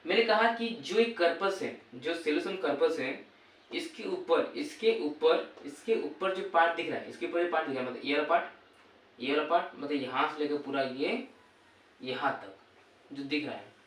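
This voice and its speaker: A man's voice: on the high side, animated, normal speed, a bit bright. A male teacher giving a classroom lesson, repeating terms and quizzing students in call-and-response. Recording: echoey room, voice from far off.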